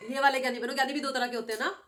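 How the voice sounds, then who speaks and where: Middle-aged woman with a high voice teaching scripture, keeps checking with students, lively. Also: rapid-fire, faint music behind. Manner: animated, questioning students with frequent tag questions. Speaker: spiritual teacher. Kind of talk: devotional scripture class.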